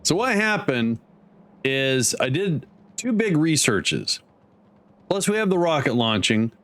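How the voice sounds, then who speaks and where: A man streaming a game, giving casual commentary, thinking aloud and rambling with many fillers and pauses. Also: on the high side, sing-song, fairly bright tone.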